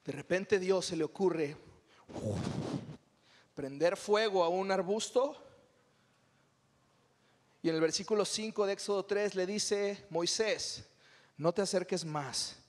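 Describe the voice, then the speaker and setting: A man with a Mexican accent preaching a sermon as pastor, animated and humorous, retelling stories with drama. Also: high-pitched, slow pace, long pauses, long reverb tail. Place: church hall.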